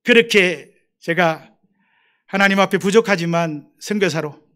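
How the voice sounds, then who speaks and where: A middle-aged man with a high voice preaches a sermon as a missionary. He tells stories from his past and then presses his listeners with mounting emphasis. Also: a little slow, bright, forceful tone. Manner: storytelling, rising to emphatic exhortation.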